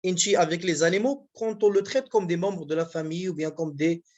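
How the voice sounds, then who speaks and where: In this grammar lesson, a university language instructor goes over points again and again with patience, pausing often to make sure students keep up. The voice is mid-range, fairly quick, and darkish, with lo-fi recording quality.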